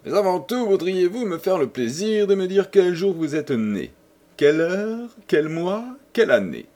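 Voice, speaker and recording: A man voicing an intense male stranger who questions in a high, pressing voice, in an audiobook. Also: very animated, moderate pace, a little mellow, breathy edge. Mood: eager. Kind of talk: audiobook character voice.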